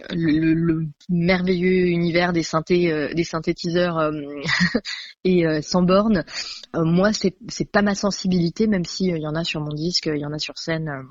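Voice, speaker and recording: Halting female singer-songwriter guest. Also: on the low side, fairly even intonation, no echo. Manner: halting, many fillers, thoughtful. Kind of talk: radio interview. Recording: dry, dull lo-fi sound.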